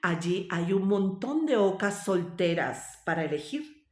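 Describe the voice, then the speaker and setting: A woman's voice: medium pitch, very animated, measured pace, darkish tone. A woman doing teasing male geese. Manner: taunting. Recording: roomy echo.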